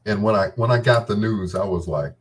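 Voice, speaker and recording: A man with a fairly low voice and a slightly quick pace hosts a bedtime talk show. His monologue is unscripted and casual, full of gossip and emphasis, with phrases he keeps repeating.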